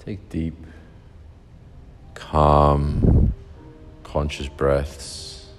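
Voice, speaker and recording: Man, meditation guide, extremely deep voice, unhurried, soothing, faint background music. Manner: slow, calm, soothing instructions with long pauses.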